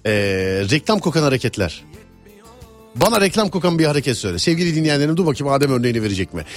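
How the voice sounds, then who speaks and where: Male radio host, mid pitch, very lively and quick, rambling and teasing through listener messages. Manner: animated, teasing, rambling conversational delivery. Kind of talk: casual radio chat, reading out listener messages. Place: radio studio. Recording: music bed behind the voice.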